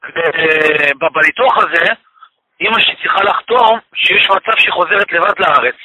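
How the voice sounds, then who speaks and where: A man's voice: a little high, pushed and bright, slight background noise, poor audio. A man giving an emotional personal testimony, repeating phrases for emphasis and weaving religious expressions into his speech. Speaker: guest telling a personal story.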